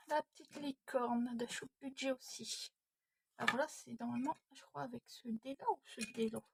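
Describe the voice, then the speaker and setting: A woman's voice: fairly high pitch, husky, dry recording. A woman in her thirties, a budgeting vlogger, thinking aloud and muttering to herself at home while she works through savings challenges. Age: 30s. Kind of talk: casual self-talk while doing savings challenges.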